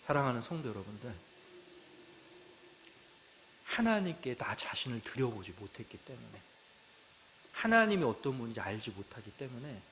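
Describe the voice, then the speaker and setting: A man preaching a sermon as a pastor. He tells stories, asks the congregation questions, and moves between loud emphatic phrases and quiet asides. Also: medium pitch, a little hiss or hum, low-quality recording.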